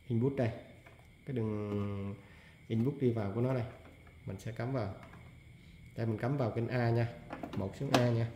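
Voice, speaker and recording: A man walks through a hands-on tutorial in a relaxed, chatty way, filling pauses as he goes. His voice is mellow and dark, and the room around him is echoey. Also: medium pitch, slight background noise. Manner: chatty, many fillers and "nha" tags, explains step by step. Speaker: audio equipment technician.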